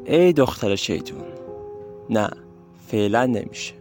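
A man voicing a warm-hearted old grandfather who speaks gently and teases with affection. He sounds like a figure from a storybook radio play. A little music plays faintly underneath. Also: mid-range voice, animated, natural voice. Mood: gentle. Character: kind, teasing old grandfather. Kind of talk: audio drama acting.

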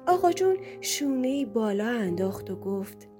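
A woman narrating a story in the first person with an expressive telling. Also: fairly high pitch, over music.

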